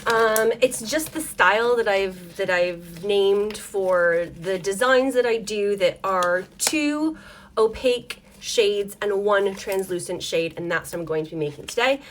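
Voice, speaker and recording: With a little hiss or hum in the background, a woman making dice hosts a casual live tutorial at her home desk. She speaks at a measured pace and medium pitch, rambling, apologizing, and saying um a lot as she loses her voice.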